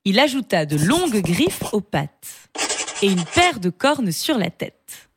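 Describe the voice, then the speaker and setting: A woman reading a children's story aloud in an expressive, lively way. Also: mid-range voice, slow pace, background noise. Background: music.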